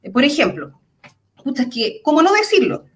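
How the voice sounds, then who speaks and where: A woman's voice: sits high, big pitch swings, normal speed. A woman with a Chilean accent, a psychologist explaining things earnestly in an interview, using everyday examples. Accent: Chilean Spanish.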